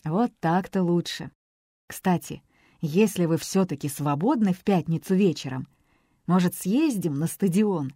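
A woman voicing a gentle, soft-spoken man. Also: lowish voice, measured pace, no echo, studio quality. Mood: gentle, teasing. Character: kind, gently teasing young man.

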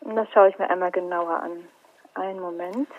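A woman's voice: on the low side, steady tone, moderate pace, lightly acted. Actress as formal bank customer service woman on phone. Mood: polite, procedural. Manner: formal, courteous, procedural. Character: polite procedural bank telephone customer service agent woman. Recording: telephone line sound.

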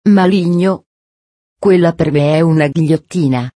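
A woman's voice: low-pitched, a little slow, mellow, no room sound, studio quality. A woman reading an audiobook, giving the devil's lines as a scornful, menacing male spirit.

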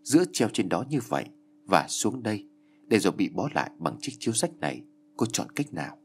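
A man voicing a calm, stern old boatman who accuses the guilty in a storybook reading. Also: fairly low pitch, fairly quick, slight background noise.

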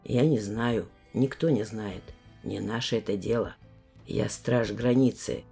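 A woman voicing a weary, fatherly male border guardian who explains things slowly and gently, in a deep, quiet voice. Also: fairly even intonation, gravelly, slightly rough, soft background music, exaggerated voice. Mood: gentle. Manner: slow, measured explaining.

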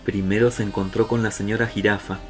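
A man with an Argentine accent reading a children's story aloud, slow and expressive. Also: on the low side, soft background music. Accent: Argentine Spanish.

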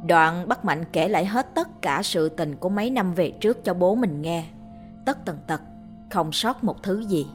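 A woman storyteller reading a ghost story in a steady, measured way. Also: on the low side, soft background music. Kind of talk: scripted narration of a ghost story.

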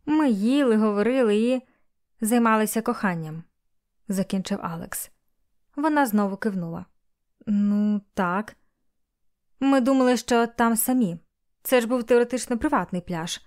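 A woman's voice: a little high, moderate pace, long pauses, a little mellow. A woman narrating a romance novel as an audiobook, reading every character's lines herself.

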